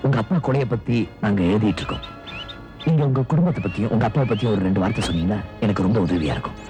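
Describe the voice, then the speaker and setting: A man's voice: on the low side, very fast, music in the background, close to an everyday voice. An actor playing an earnest newspaper reporter in a 1990s film, persuasive with his boss and polite with strangers. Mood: courteous. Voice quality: earnest, persuasive, playful with a child.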